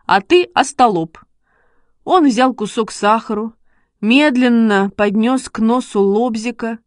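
A woman narrating a children's story in a lively storytelling manner. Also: on the high side, dry recording, studio quality. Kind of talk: storybook reading.

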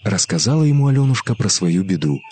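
A man reading a scripted folk fairy tale in an expressive storytelling manner. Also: on the low side, fast talker.

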